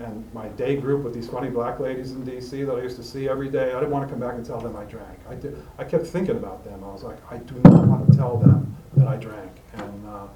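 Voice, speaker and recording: A middle-aged man sharing his recovery story with a group, halting and rambling with many fillers and restarts, recorded in a meeting room. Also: medium pitch, mellow. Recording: roomy, distant mic with faint hiss.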